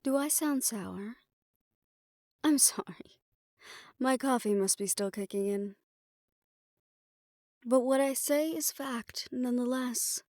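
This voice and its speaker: A woman acts the poised female manager of a secretive hotel for assassins in a scripted audio roleplay addressed to the listener. Her fairly high, slightly mellow voice is slow, formal and measured, coolly philosophical, with every courtesy edged in polite condescension. The recording is close and dry, with no echo.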